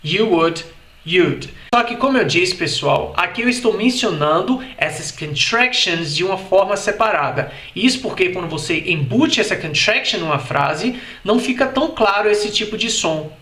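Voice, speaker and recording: Portuguese-speaking guy teaching english, bright voice a bit high, slows down for examples, echoey room. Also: animated. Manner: explains in Portuguese, says English examples slowly and repeats them. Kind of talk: language lesson, slow example sentences.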